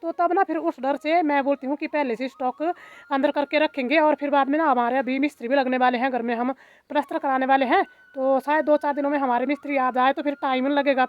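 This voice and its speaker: A high-pitched woman with a Mandyali-tinged Hindi accent talks in a loose, chatty way, full of fillers, as she films her hillside village farm. The phone recording sounds a little dull and lo-fi, with open outdoor air around her. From Himachal Pradesh, India. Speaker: village vlogger. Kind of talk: casual vlog narration.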